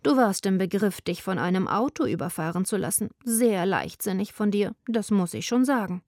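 Woman putting on a slow, drawling grand lady cat. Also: mid-range voice, lively intonation, darkish tone, no echo, clean studio sound, natural voice.

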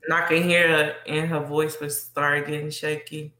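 A woman's voice: low-pitched, little pitch movement, normal speed, bright, forceful tone. A young adult woman chatting casually on a live stream, rambling and sentimental and laughing often. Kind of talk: casual chat. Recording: echoey room.

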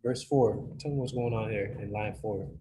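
A man's voice: fairly low pitch, normal speed, background noise. A man teaching a Bible lesson to a group in a casual way, often checking in with his listeners. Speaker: youth Bible study leader.

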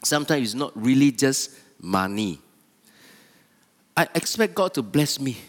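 A man preaches a sermon, repeating and restarting his phrases for emphasis. His mid-range voice moves in lively swings. The long reverb of a church hall trails behind him. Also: medium pitch, a little slow. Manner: repetitive, stop-start emphatic phrasing.

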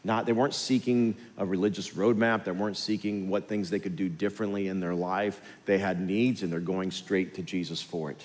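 A male pastor giving a sermon, telling the story with lively, animated delivery and acting out the characters. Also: low voice, fairly quick, few pauses. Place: large church hall. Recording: hall reverb with faint music.

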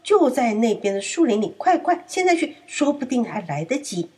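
A woman's voice: fairly high pitch, big pitch swings, normal speed, darkish tone, husky, pitched above the performer's own voice, heavily acted. A woman voicing a sly, greedy male wolf in a children's story, with a wheedling, gloating manner. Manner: wheedling, fake-surprised, gloating.

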